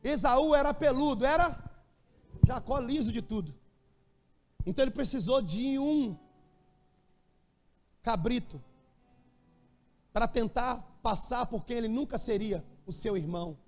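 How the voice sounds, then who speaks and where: Very high-pitched Brazilian preacher in a reverberant church. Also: male voice, measured pace, long pauses. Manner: animated preaching, humorous storytelling. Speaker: pastor. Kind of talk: sermon. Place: church hall. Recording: long church-hall reverb.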